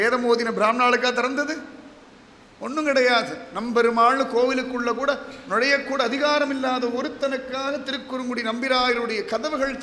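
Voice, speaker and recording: High bright-voiced man telling a devotional story. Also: slight background noise. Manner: dramatic, emotive narration with vivid comparisons. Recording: echoey hall with faint ambience.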